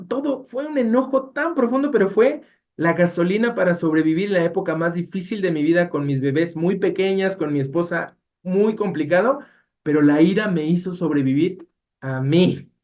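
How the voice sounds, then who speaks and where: A Mexican man leading a Bible study lecture. He speaks in a lively, expressive way and keeps putting questions to the class. His delivery feels like a teacher working through a lesson. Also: high-pitched, brisk. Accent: Mexican Spanish. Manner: animated, asks the class rhetorical questions.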